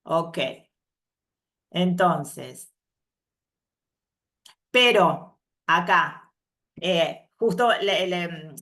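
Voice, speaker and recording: Slow, patient woman teacher. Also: medium pitch. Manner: checks in with a soft questioning "mm?" after each point; switches between Spanish explanation and carefully spoken English examples. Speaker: English teacher. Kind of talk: slow explanatory workshop lesson.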